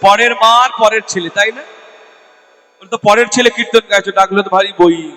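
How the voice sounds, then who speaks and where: A kirtan singer preaches to a live devotional gathering in a large hall, mixing his sermon with call-and-response chanting. He has a high, bright voice with a forceful tone and a moderate pace. Turning to the women in the crowd directly, he asks rhetorical questions and supplies the answers himself.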